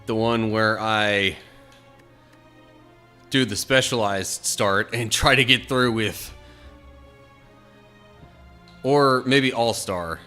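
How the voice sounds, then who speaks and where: A man's voice: fairly low pitch, takes it slowly, bright, forceful tone, faint music behind. A man streaming a video game, chatting casually and thinking aloud in a hesitant, rambling way. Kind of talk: casual live-stream chat.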